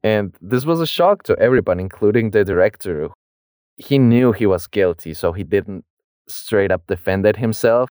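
A young man co-hosts a podcast about a book, retelling the plot with slang and easy laughs. His voice sits low and comes across smooth and clear. The sound is dry and close, with no room around it. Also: expressive, normal speed, darkish tone, no echo. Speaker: podcast co-host. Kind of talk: casual book discussion.

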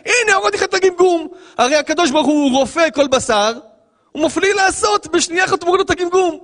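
A man, a rabbi, giving an animated Torah lesson, acting out scenes and firing rhetorical questions at listeners. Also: very high voice, long reverb tail.

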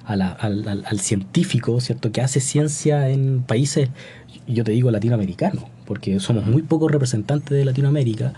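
A man's voice: mid-range voice, normal speed, warm tone, slight background noise. A Chilean man talking as a guest scientist in a casual podcast interview, thoughtful, with many restarts and tag questions.

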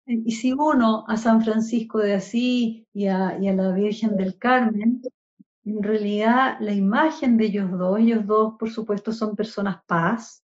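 A woman's voice: mid-range voice, steady tone, unhurried, a little mellow, dull audio. A woman guest on a live conversation, talking in an earnest, reflective way about spiritual matters. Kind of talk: casual spiritual chat.

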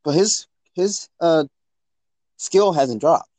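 A man's voice: on the high side, expressive, slow pace, darkish tone, no room sound. A man co-hosting a casual podcast, easygoing and laughing often. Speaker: podcast co-host. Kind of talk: casual chat.

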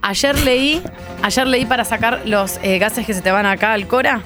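A woman's voice: on the high side, normal speed, over music. A woman with a Rioplatense Spanish accent co-hosting a radio show, chatty and given to dramatic exclamations. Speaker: radio co-host. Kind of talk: lively studio banter.

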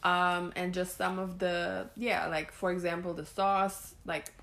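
A young adult woman from Germany co-hosting a casual food vlog, chatty and quick to laugh. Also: on the low side, level tone, fairly bright tone. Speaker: co-host.

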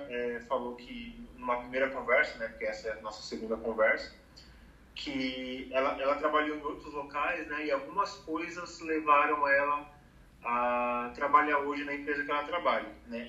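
A man's voice: medium pitch, fairly even intonation, moderate pace, pushed and bright, echoey room, far from the mic, highs cut off. A man in his thirties from Brazil, talking casually about career planning with many fillers. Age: 30s. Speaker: advertising professional giving career advice. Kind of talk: casual conversation.

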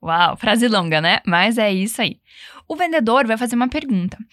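A young Brazilian woman with a slightly high voice teaches an English lesson. She repeats each phrase slowly and patiently so the learner can follow. The sound is dry and close, with no room echo. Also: fairly bright tone. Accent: Brazilian Portuguese. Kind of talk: language lesson.

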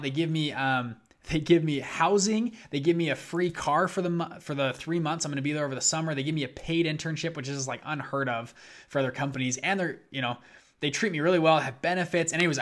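Young guy hosting his own podcast, talks really fast and pumped, kinda high voice, keeps saying right? after stuff. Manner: energetic and upbeat, often tags lines with "right?". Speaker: podcast host. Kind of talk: casual solo podcast talk.

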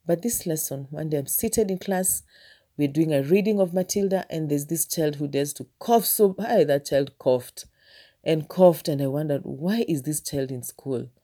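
A Kenyan woman with a Kenyan accent tells a personal story in a low voice. Her tone is mellow and relaxed, and she talks to her viewers in a chatty, humorous way. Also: normal speed. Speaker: teacher telling a personal story. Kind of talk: casual storytelling vlog.

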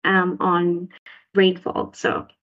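A woman's voice: monotone, very slow. A young woman from Sri Lanka, a postdoc researcher, answering interview questions casually with many restarts and fillers. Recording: muffled low-fidelity audio.

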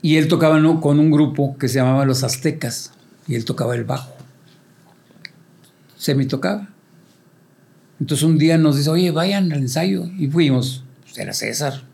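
An older man telling lively stories as a band member, acting out quoted voices and sound effects in casual talk. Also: on the high side, moderate pace, creaky, long pauses. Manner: animated storyteller, acts out quotes and sound effects. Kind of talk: casual storytelling interview.

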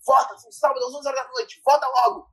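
A man's voice: very high voice, level tone, fast, pushed and bright, breathy edge, voice pushed up, heavily acted. Man playing his curt, impatient mother. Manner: curt, dismissive. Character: impatient mother on the phone, middle-aged woman.

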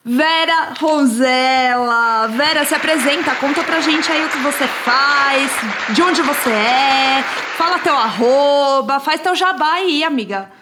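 A Brazilian woman co-hosting a podcast in casual, excitable chat, with a gushing, slangy manner. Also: sits high, a little slow, background noise. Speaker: podcast co-host.

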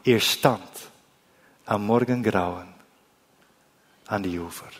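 Slow preacher in a hall. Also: male voice. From Netherlands. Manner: slow, deliberate, with long pauses and soft low endings. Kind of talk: sermon. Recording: long hall reverb.

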